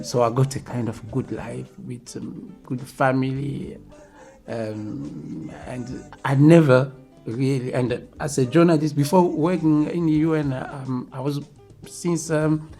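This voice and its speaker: A man from the Democratic Republic of Congo, telling his own story in an interview, halting often with ums and restarts. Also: medium pitch, mellow. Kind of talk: recorded interview.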